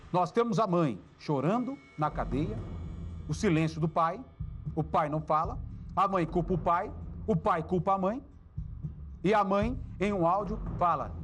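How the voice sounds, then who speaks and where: A man with a Brazilian Portuguese accent hosting a live crime news segment, emphatic as he talks to viewers and gives cues to his crew. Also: sits high.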